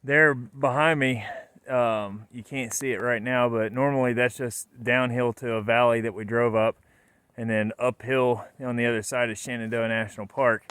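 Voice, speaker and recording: A man's voice: mid-range voice, fairly even intonation, normal speed, fairly bright tone, clear, resonant tone, no echo. A man vlogging on a snowy mountain trail while hiking, a bit out of breath, talking in an easygoing, rambling way full of fillers. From Virginia. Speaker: vlogger hiking with his son. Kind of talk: casual hiking vlog narration.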